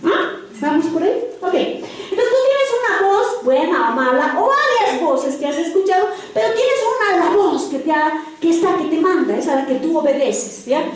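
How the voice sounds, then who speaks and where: A woman with a very high voice teaches an interactive sermon and keeps checking in with her listeners through short questions. The recording comes from a very echoey hall, with the mic set well back from her. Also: animated, moderate pace, recorded from a distance, slight background noise. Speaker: preacher teaching a congregation.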